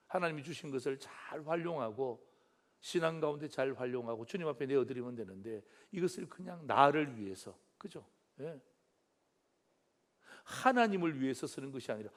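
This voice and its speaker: A male pastor preaching a Sunday sermon, calling out to the congregation and asking rhetorical questions, swinging from loud emphatic lines to soft, low asides. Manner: keeps calling out to the congregation directly.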